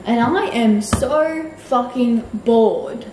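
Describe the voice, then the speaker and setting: A woman's voice: on the high side, very slow, background noise. A young Australian woman chatting frankly and casually about a book she is reading, swearing freely and saying "like" often. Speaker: book vlogger. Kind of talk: casual reading vlog chat. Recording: roomy echo.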